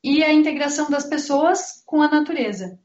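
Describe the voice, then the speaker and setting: Woman from southern Brazil, high voice, roomy echo, dull sound; measured architect interviewer. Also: a little mellow. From Blumenau, southern Brazil. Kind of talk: interview questions.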